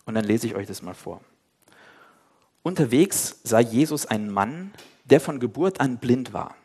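A man's voice: medium pitch, expressive, a little slow, mellow, husky. A man leading a Bible study, explaining informally to his listeners, then reading a passage aloud and lightly voicing the quoted speakers. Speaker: Bible teacher.

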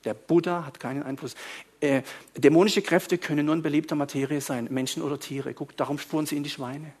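A man preaching to a congregation, telling stories in an animated way that swings between quiet asides and loud outbursts. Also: a little high, a little fast, slightly rough. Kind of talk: storytelling sermon.

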